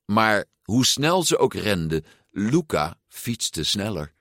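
A man reads a children's storybook aloud, his deep voice moving with lively, expressive pitch. He takes an unhurried pace, and the recording is close and dry with no room around it. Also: no room sound. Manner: measured, expressive reading. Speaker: narrator.

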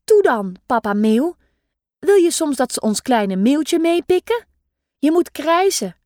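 A woman doing a shrill bossy little girl. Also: sing-song, measured pace, darkish tone, no echo, clean studio sound. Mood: scolding. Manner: commanding, shrill and urgent. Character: bold bossy little girl playing mother gull.

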